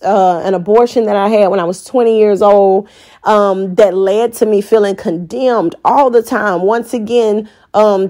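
A woman in her 40s with an American accent hosts a podcast, delivering an unscripted, candid and colloquial personal monologue. Her voice is mid-range with a dark tone.

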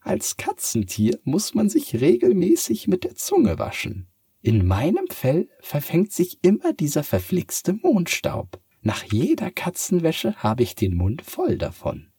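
A sly, teasing cat from the moon purrs its lines high and slow, as a man reads it out. The storybook voice is husky and dry. It stays calm and kind. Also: no echo, heavily acted. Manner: purring, drawn-out teasing delivery.

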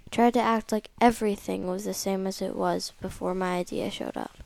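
Creaky-voiced female picture book reader. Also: medium pitch, fairly even intonation, a little fast, darkish tone. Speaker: read-along host and reader. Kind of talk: reading a picture book aloud.

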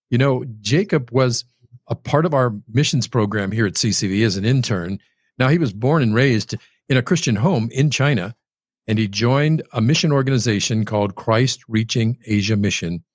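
A male host introduces his guest and then chats with him in a friendly, easygoing interview. His mid-range voice is recorded at studio quality with no room sound.

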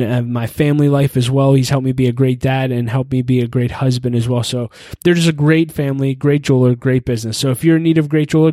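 Upbeat podcast host, dry close sound. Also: male voice, on the high side, warm tone, no echo. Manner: upbeat, promotional. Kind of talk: scripted podcast intro and interview.

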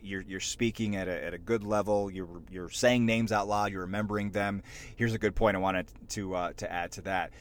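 Deep male news-presenter type, casual coaching tone, lively delivery with frequent restarts. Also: a little hiss or hum. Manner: energetic, many restarts, punches the last word. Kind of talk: casual instructional talk.

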